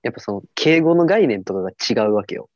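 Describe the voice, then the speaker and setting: A man with a Kansai accent co-hosting a casual comedy podcast, teasing his partner with quick comebacks. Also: medium pitch, sing-song, dry recording, dull audio. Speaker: podcast co-host.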